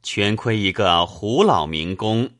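A man reads a classic novel aloud in a deep voice, taking his time. His delivery is expressive, with a lively swing in pitch, and the recording is dry and close. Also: no room sound. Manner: measured, expressive storytelling. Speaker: narrator. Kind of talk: audiobook narration of a classic novel.

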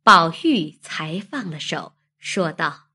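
Slow, husky woman storyteller. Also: deep voice. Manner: slow, expressive reading. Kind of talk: scripted narration of a classic novel.

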